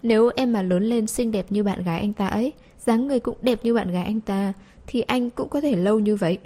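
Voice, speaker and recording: A woman's voice: medium pitch, fairly quick, warm tone, close to an everyday voice. A woman voicing a defensive young boyfriend who blurts out excuses in an audiobook. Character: young man, defensive boyfriend caught staring.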